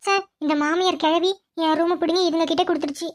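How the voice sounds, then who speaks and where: A woman's voice: very high-pitched, fairly even intonation, fast talker. A woman voicing a put-upon young wife in a cartoon, whiny and grumbling about her mother-in-law. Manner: whiny, grumbling under breath. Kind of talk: cartoon voice acting.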